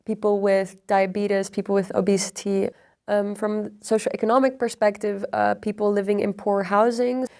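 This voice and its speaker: A young adult woman, a PhD researcher, explaining in measured interview answers with frequent ums and uhs. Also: medium pitch. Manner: measured, even, with frequent fillers. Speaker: PhD researcher on extreme heat.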